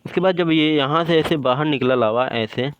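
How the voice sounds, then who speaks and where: A man's voice: on the high side, moderate pace, dull audio, slight background noise. A male teacher giving an exam-prep lecture, drilling terms with repeated questions and answers and saying "ठीक है" after almost every point while he explains a drawing step by step.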